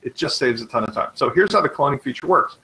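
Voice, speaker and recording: A man hosting a live web tutorial, talking fast and eagerly in an informal sales manner while demonstrating software. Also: medium pitch, animated, low-quality recording. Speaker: webinar host.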